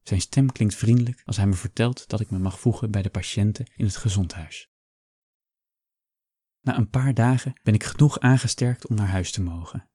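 A man reading a first-person story aloud in a calm, measured storytelling manner. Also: lowish voice, no room sound, studio quality. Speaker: audiobook narrator. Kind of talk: scripted first-person narration.

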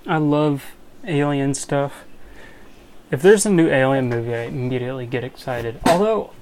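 A man's voice: medium pitch, normal speed, noisy background. A young man chatting casually as a podcast co-host, eager and often trailing off mid-thought. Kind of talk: casual chat.

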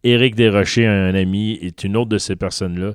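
A man with a Québécois French accent spins a long, animated story among friends, slipping English words in as he goes. His voice is smooth and clear. The sound is dry and close, with little room tone. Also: fairly low pitch, brisk, no room sound. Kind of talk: casual storytelling chat.

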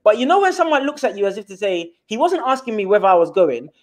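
A young man with a London accent, telling a story from his school days as a guest on a casual interview, repeating words when excited. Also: high voice, fast talker. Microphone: remote call.

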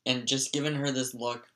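A man's voice: medium pitch, creaky, heavy background noise. A young man telling casual, profane stories, rambling with constant fillers. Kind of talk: casual storytelling monologue.

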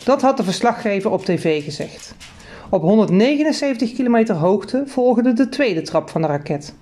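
A woman narrating a children's story in a lively, expressive reading. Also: mid-range voice, moderate pace.

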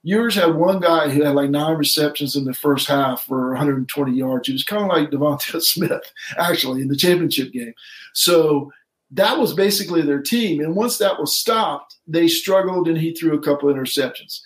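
A man's voice: fairly high pitch, moderate pace, roomy sound, rough recording. A middle-aged man co-hosting a casual sports podcast, rambling and correcting himself as he goes. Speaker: podcast co-host.

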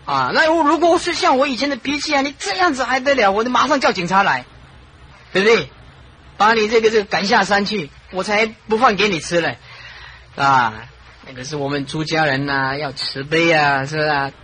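A Buddhist monastic teacher giving a dharma talk, telling stories in an animated way, with frequent chuckles and repeated phrases. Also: medium pitch, a little fast, slight background noise, poor audio.

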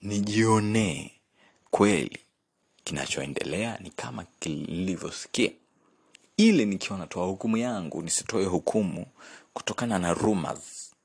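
A man's voice: sits low, lively intonation, normal speed, vocal fry, slightly rough, exaggerated voice. God as a playful, exclaiming voice, put on by a man. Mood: earnest. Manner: mixes East African Swahili and English, exclaiming. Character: God, playful and patient divine voice. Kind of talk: sermon storytelling.

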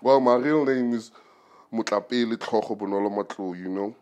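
A man's voice: lowish voice, normal speed, a little mellow. A man hosting a solo podcast, talking casually in a rambling, joking way with plenty of slang. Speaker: podcast host.

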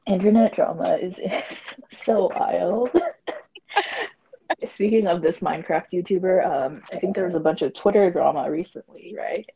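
Low gravelly woman in her twenties, rambling casual podcast talk. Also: expressive, measured pace, mellow, poor audio. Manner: rambling, filler-heavy, frequent laughter. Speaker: podcast co-host. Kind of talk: casual chat.

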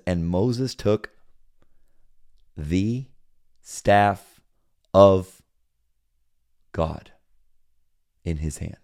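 Speaking at a medium pitch, a preacher from Senegal delivers a sermon with scripture readings, using repetition to build toward loud, emphatic high points.

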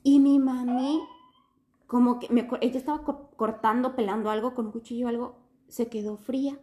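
A young woman from Quito with an Ecuadorian Spanish accent, telling a story in casual chat with animated bursts of laughter. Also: a little high, a little fast. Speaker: guest telling her story.

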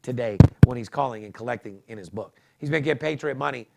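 A man's voice: mid-range voice, fast talker, vocal fry, heavy background noise. A man hosting a sports betting podcast, talking in a boastful, profane, hard-selling way. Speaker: podcast host.

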